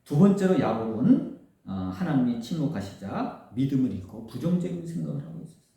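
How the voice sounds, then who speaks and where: A man's voice: medium pitch, very animated, a little fast, mellow. A middle-aged man preaching a sermon as pastor, earnestly retelling scripture with acted quotes. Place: church sanctuary. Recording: roomy echo from a distant mic.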